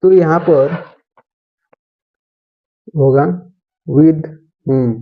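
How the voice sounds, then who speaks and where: A man teaching English grammar from Hindi, slowly repeating each phrase and checking in with the listener. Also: on the high side, phone-quality sound.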